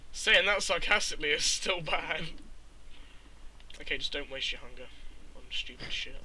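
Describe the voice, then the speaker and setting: A young man giving casual let's-play commentary over a headset, exasperated and swearing as he reacts quickly. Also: on the high side, expressive, sharp tone, breathy edge, poor audio. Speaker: gamer commentator.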